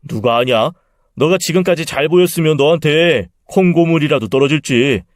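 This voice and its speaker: A man's voice: on the high side, moderate pace, no echo, clean studio sound, natural voice. A man doing crude mocking buddies. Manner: coarse, teasing. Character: crude, mocking male buddies of the son-in-law.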